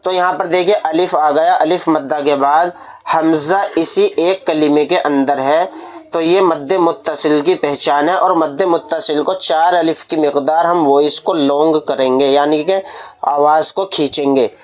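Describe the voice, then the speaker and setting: A man with a fairly high voice and fairly even intonation teaches Quran reading at a measured pace in a step-by-step recitation lesson. He spells out letters one by one and draws out the long vowels so his students can repeat after him.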